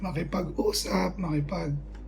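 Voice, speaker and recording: A man's voice: high voice, fairly even intonation, unhurried, vocal fry, a little hiss or hum. A man talking in a loose, meandering monologue, switching between Tagalog and English. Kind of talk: rambling casual monologue.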